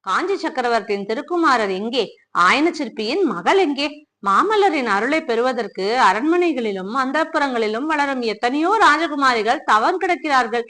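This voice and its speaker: A woman's voice: high-pitched, lively intonation, normal speed, sharp tone. A woman voicing a proud young dancer, hurt and bitterly reproachful, in a storybook reading. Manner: bitter, reproachful, near tears.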